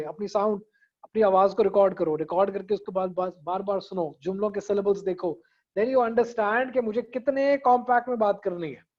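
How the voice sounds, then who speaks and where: A man's voice: high voice, a little mellow, highs cut off. Man teaching public speaking over a call. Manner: conversational, mixes English phrases, frequent "theek hai" checks. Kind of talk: online class lecture. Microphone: video call.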